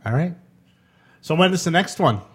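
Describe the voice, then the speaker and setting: A man's voice: fairly high pitch, expressive, normal speed, slightly rough. A man co-hosting a podcast in casual chat, laid-back and dry. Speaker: podcast co-host.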